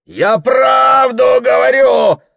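A man voicing a drunk, bearded peasant who rages and shouts in despair. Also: on the low side, expressive, takes it slowly, dry recording, studio quality. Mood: raging. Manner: shouting, bellowing.

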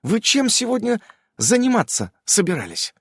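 A man reading an audiobook, voicing a brisk, sharp-tongued adult witch who scolds and insists. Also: high-pitched, huge pitch swings, breathy edge, no echo, studio quality, pitched above the performer's own voice, heavily acted. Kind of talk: audiobook character voice.

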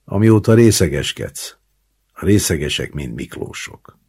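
A male audiobook reader voicing a teasing, stubborn young woman in dialogue, keeping close to his own deep, husky voice. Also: very animated, darkish tone, full character voice. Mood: mocking. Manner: teasing and scolding. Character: sharp-tongued young woman, mocking and stubborn.

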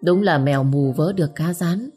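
A woman doing a loud gossiping village woman. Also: deep voice, moderate pace, faint music behind, lightly acted. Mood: mocking gossip. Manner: nosy, talks loudly to be overheard.

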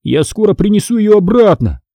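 A man's voice: high voice, sing-song, fairly quick, mellow, no room sound, clean studio sound, pitched above the performer's own voice, full character voice. A man reading an audiobook, voicing a mischievous, whiny boy who likes to play pranks. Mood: wheedling. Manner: whining and wheedling.

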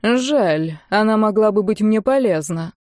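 A woman voicing a cruel, mocking adult male duke who talks slowly with contempt. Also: mid-range voice, expressive, a little mellow, no echo, clean studio sound, lightly acted. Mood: sneering. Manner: slow, sneering and contemptuous.

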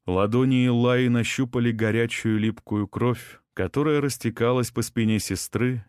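A man reading a dramatic audiobook with a tense, expressive delivery. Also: lowish voice, dry recording, clean studio sound. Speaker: audiobook narrator.

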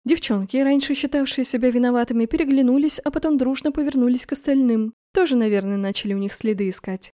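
A woman's voice: high voice, fast, hardly any pauses, dark tone, no room sound, studio quality. A young woman reading a first-person fantasy novel aloud, with wry sarcastic asides. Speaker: audiobook narrator. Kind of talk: first-person audiobook narration.

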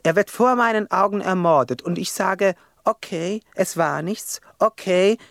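A man's voice: high voice, a little slow, a bit bright, dry recording, studio quality. An actor playing a young male rapper on death row, telling his story in a profane, agitated radio-play monologue. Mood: restless. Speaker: narrator of his own story.

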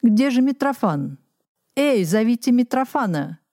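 A woman's voice: a little high, big pitch swings, a little slow, dark tone, no echo, clean studio sound, voice pushed up. A woman voicing a fawning, scheming aging official who fusses and grovels. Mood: fussing. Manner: fussy, ingratiating.

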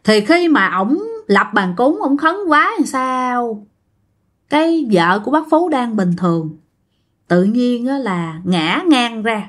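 A woman's voice: fairly high pitch, expressive, takes it slowly. A woman with a Southern Vietnamese accent telling a ghost story casually, chatting straight to her listeners.

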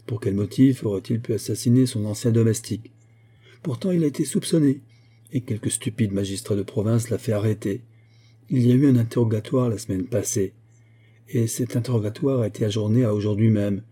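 A man reading an audiobook, voicing a gossipy, self-assured older widow in a raised, lively tone. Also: lowish voice, brisk, slightly rough. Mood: gossiping. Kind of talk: audiobook character voice.

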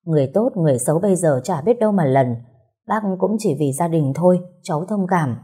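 A woman's voice: on the low side, lively intonation, brisk, warm tone, breathy edge. A woman voicing a cool, cautious older woman who runs an eatery, speaking matter-of-factly in a storybook.

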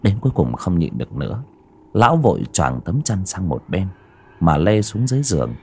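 A man narrating a horror audio story in a slow, suspenseful storytelling manner. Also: low-pitched, very animated, creaky, slightly rough.

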